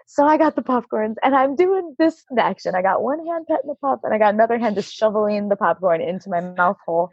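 A woman telling a long personal story in a casual interview, animated, laughing often and acting out what people said. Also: on the high side, quick pace, hardly any pauses, slightly rough, dry recording. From Alaska. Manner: animated, laughing, acts out quotes. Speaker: guest. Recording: dull, slightly lo-fi, dry sound.

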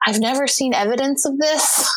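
A woman teacher talking shop in a relaxed conversation. She is animated, slips into acted-out reactions, and laughs often as she talks. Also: sits high, moderate pace. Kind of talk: casual podcast discussion.

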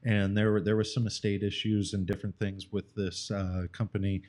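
A man's voice: on the low side, flat delivery, moderate pace, a little mellow. A man speaking in a casual podcast chat, hesitant and full of "uh" and "um". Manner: hesitant, many "uh" and "um".

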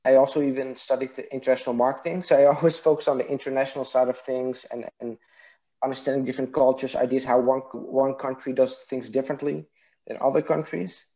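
Mellow-voiced man from Iraq. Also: mid-range voice, level tone, fast talker, dull audio. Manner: thoughtful, hesitant, many restarts and fillers. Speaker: guest, partnerships and marketing executive. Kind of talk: casual interview answers.

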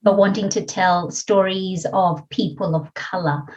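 A middle-aged Kenyan woman with a Kenyan accent tells her story as a podcast guest in an interview conversation, earnest and reflective, with many fillers. Her voice is fairly low and unhurried, and the recording is muffled.

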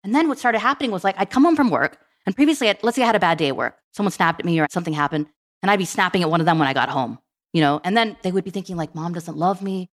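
A middle-aged woman telling stories as a podcast guest, acting out quoted dialogue as she goes. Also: lowish voice. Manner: fast, animated storytelling with quoted dialogue. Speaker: guest, program management director. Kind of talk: storytelling in a podcast interview.

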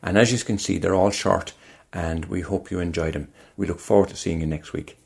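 A man hosting a show who reads short stories aloud in a calm, unhurried storytelling manner. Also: low voice, creaky, slight background noise. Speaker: host and storyteller.

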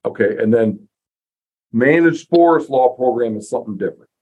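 A man's voice: medium pitch, expressive, normal speed, darkish tone, husky. Slightly muffled, folksy male podcast host. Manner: folksy, self-deprecating, thinks aloud. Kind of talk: casual interview.

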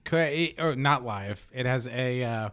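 Slow-talking man with a smooth voice. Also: mid-range voice, fairly bright tone. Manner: laughs while telling stories, restarts and fillers. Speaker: podcast guest. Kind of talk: casual conversation, storytelling.

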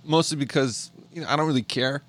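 A man co-hosting a podcast in a casual chat, laid-back with deadpan teasing humor. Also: medium pitch, fast talker, heavy background noise. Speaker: podcast co-host.

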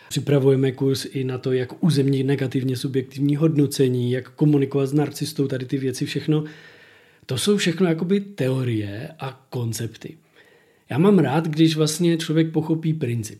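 A man talks as a relationship coach on a podcast. His voice is mellow and warm at an ordinary middle pitch, and he explains things by acting out quoted phrases in other voices. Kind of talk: podcast conversation.

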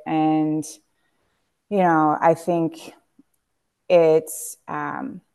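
A woman's voice: low-pitched, darkish tone, clean tone. A woman, a company founder, speaking candidly and reflectively on a podcast, with frequent fillers and restarts. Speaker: guest, tea company founder.

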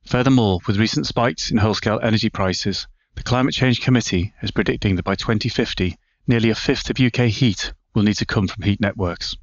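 A man's voice: lowish voice, brisk, hardly any pauses, dry recording, highs cut off. A man hosting a podcast, reading a polished scripted introduction and then putting questions to his guest. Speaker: podcast host.

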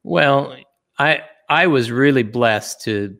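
A man's voice: mid-range voice, gravelly, a bit bright. A middle-aged man from Utah, a guest in an interview, speaking reflectively with frequent restarts. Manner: reflective, halting with many restarts. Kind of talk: casual interview talk.

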